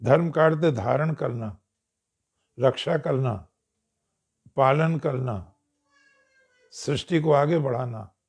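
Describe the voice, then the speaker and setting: Slow, measured man telling stories. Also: medium pitch, darkish tone. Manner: slow, measured, clears throat often. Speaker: speaker addressing an audience. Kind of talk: storytelling cultural discourse.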